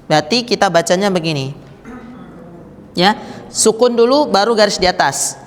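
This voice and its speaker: A man's voice: high voice, lively intonation, moderate pace, slight background noise. A man teaching Quran recitation, patiently demonstrating and repeating each sound for his students. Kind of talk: slow step-by-step recitation lesson. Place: mosque. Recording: echoey room with long reverb.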